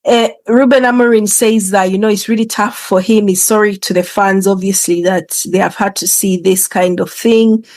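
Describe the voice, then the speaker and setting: A woman's voice: medium pitch, steady tone, moderate pace, few pauses, darkish tone, no echo. A woman hosting a football show, commenting casually in an informal, conversational way with hesitant asides. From England. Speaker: football podcast host.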